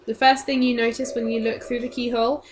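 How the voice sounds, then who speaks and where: A woman narrating a tabletop game as game master, describing a scene in a careful way and pausing to search for words. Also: fairly high pitch, little pitch movement, noisy background.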